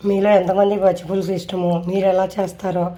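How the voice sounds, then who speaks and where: Mellow woman narrating a recipe. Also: medium pitch, little pitch movement, fast talker. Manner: polite, instructional. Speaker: home cooking vlogger. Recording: faint noise with kitchen clatter.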